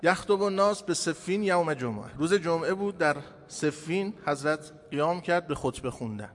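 Impassioned preacher in a reverberant hall. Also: male voice, animated. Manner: impassioned, builds to loud emphatic peaks then drops low. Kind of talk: sermon. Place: shrine hall beside a tomb.

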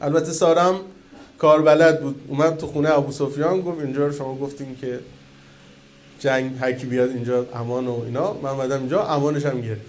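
A man preaching a religious sermon in colloquial speech, asking the audience questions and swinging between loud emphatic peaks and quiet low asides. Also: fairly even intonation, a little hiss or hum. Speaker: cleric preacher.

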